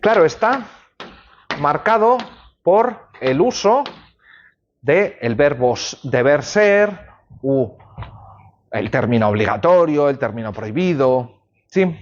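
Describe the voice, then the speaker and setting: A man's voice: a little high, lively intonation, slow pace, pauses often, a little hiss or hum. Guy teaching a law class, keeps asking "right?", swoopy voice, muffled classroom audio. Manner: explains with everyday examples, checks in with "¿sí?". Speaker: law lecturer. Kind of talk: university lecture. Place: university classroom. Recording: dull lo-fi classroom recording.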